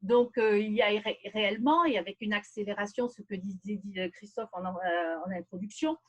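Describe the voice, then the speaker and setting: A woman speaking on a video call, presenting a webinar in a measured, explanatory lecture style with frequent pauses. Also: mid-range voice, highs cut off.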